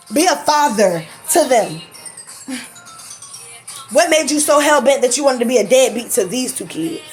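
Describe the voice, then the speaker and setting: A woman telling a personal story to camera in a blunt, profane, casual way, laughing often. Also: high-pitched.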